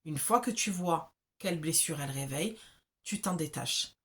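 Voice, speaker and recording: A woman's voice: sits low, lively intonation, normal speed, a bit bright. A woman from the south of France with a southern French accent gives a casual, chatty spiritual oracle card reading to the viewer. She keeps checking in with the listener as she talks. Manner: chatty and familiar, with frequent check-ins.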